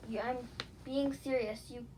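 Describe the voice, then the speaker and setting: A woman voicing a hot-tempered, cocky teenage boy who shouts threats in a fan-made audio story. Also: a little high, steady tone, a little slow, recorded from a distance, very noisy, natural voice.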